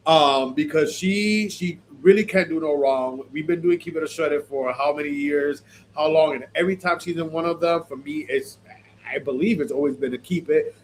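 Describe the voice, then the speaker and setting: On a rough recording with slight background noise, a podcast host talks casually about fashion looks in a voice on the high side at a moderate pace. Allergies leave him stuffy and sniffly, but he stays chatty and animated, with lots of fillers.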